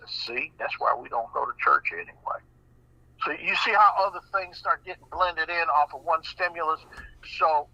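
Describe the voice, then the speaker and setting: A man with an American accent talking casually on a radio show, animated and often repeating words as he restarts. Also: fairly high pitch, gravelly. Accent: American English. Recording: muffled radio broadcast.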